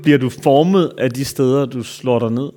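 Low-key male podcast host. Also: music in the background. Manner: low-key, prompting with short backchannels and questions. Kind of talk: casual interview.

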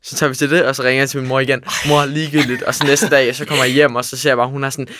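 A teenage boy tells a story on a casual podcast, stopping and restarting with plenty of fillers. A steady hiss of background noise sits under his mid-pitched voice. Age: teens. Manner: hesitant storytelling with many fillers. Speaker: podcast guest. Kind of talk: casual chat.

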